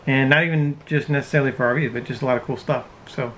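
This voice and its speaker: A man's voice: mid-range voice, fairly even intonation, fast, fairly bright tone, a little hiss or hum, poor audio. A man in his thirties chatting casually in an easygoing, rambling way, seated inside a parked RV and speaking to a camera close in front. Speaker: vlogger. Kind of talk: casual chat.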